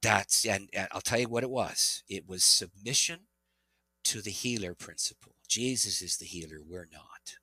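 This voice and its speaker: A middle-aged man, a pastor and interview guest, telling an earnest, animated testimony. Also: lowish voice, normal speed, husky, no echo, poor audio. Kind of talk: interview storytelling.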